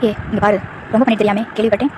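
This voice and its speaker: A bitter middle-aged mother-in-law, put on by a woman narrator in a storybook reading. She nags with a flat, rapid tone and fires off reproachful questions. The delivery is quick and level in pitch. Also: background noise, natural voice. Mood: scolding. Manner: reproachful, nagging, hurled rhetorical questions.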